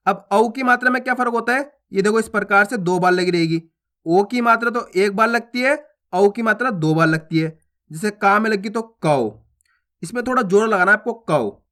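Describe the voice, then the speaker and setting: High, bright-voiced male Hindi teacher. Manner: patient, repeats each sound and asks questions. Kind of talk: explaining a spelling lesson.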